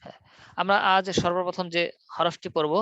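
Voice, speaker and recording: Male online teacher, high clear voice, patient drilling, dry and slightly muffled call audio. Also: level tone, a little fast, bright, forceful tone, dry recording. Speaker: Quran recitation teacher. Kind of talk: online class on Arabic letter pronunciation. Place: online video class.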